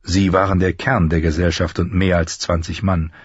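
A man narrating an audiobook in an expressive storytelling manner, doing all the voices. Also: low-pitched, normal speed, husky, no echo, highs cut off. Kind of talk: scripted narration.

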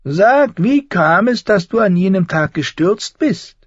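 A man voicing a sardonic, sharp-tongued small nobleman who needles the people around him. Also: high-pitched, lively intonation, unhurried, breathy edge, dry recording, voice pushed up, heavily acted. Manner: mocking, cool and needling. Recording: slightly dull audio.

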